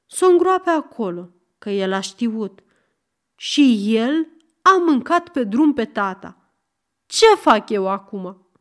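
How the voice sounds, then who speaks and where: Woman putting on a wailing old merchant man. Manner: wailing, shrill, loud.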